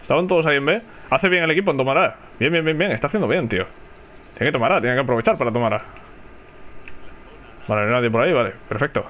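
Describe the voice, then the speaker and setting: A man's voice: mid-range voice, quick pace, long pauses, fairly bright tone, muffled recording, slight background noise. A man with a Spanish accent from Spain, commenting live on his own gameplay, chatting and calling out to teammates. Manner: chatty, reacts aloud and calls to teammates. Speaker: gaming streamer.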